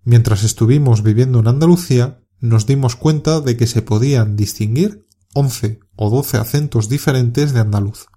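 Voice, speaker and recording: Castilian spanish guy teaching learners on a podcast, warm dark-ish voice, calm and clear. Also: mid-range voice, normal speed. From Spain. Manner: calm, clear, encouraging explanation. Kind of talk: scripted podcast lesson for learners.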